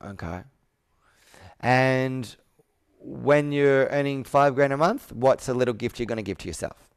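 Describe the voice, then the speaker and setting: With a measured pace and a clear, resonant mid-range voice, a man in his thirties delivers live sales roleplay coaching over video. He sits in an indoor room with a whiteboard, making his pitch persuasively and emphatically and returning to the same phrases.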